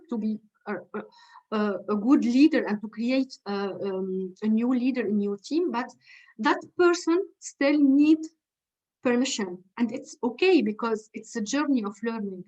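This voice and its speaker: A woman with a somewhat high voice talks through a leadership lesson, laying it out step by step. She keeps repeating her key questions so they land. The audio is dull and lo-fi, as if muffled. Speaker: leadership coach. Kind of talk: webinar lecture.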